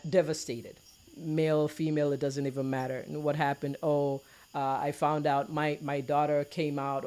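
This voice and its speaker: A woman from Nigeria hosting a live talk show, playful and teasing as she introduces her guests and the topic. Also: sits low.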